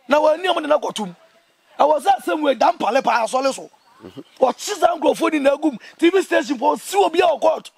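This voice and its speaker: A young Ghanaian man giving an impassioned interview, speaking in an emphatic, indignant and animated way. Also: very high-pitched, vocal fry, no room sound. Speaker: interview guest, traditional priest. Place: outdoors among trees.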